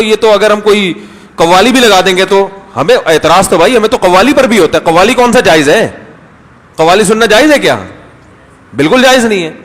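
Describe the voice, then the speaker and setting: High-voiced male cleric in a reverberant hall. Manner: conversational, anecdotal, acts out voices in stories. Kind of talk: storytelling religious talk.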